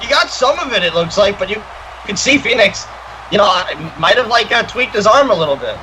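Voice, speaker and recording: A man with a high voice works as a wrestling commentator, reacting to moves and chatting through the analysis. The recording is noisy, with a steady live-event rumble behind him. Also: brisk.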